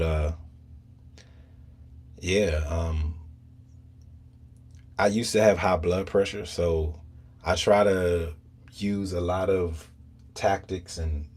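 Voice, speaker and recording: American male, bass-leaning register, slow and halting, casual livestream chatter from a small sauna. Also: a little mellow. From Southern Maryland, USA. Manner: halting, rambling, unhurried. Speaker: live streamer. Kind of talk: casual live chat. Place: inside a small home infrared sauna.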